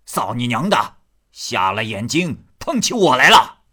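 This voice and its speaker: A man voicing a loud, gruff, swaggering drunken moneylender in a storytelling reading. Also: deep voice, sing-song, a little slow, full character voice. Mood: angry. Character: drunken brawling male street moneylender, boastful.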